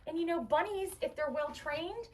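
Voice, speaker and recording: On this educational tour of an animal shelter's indoor rooms, a woman with an extremely high, expressive voice speaks at a moderate pace, explaining things to children simply and with enthusiasm. The mic is distant, with faint noise in the background.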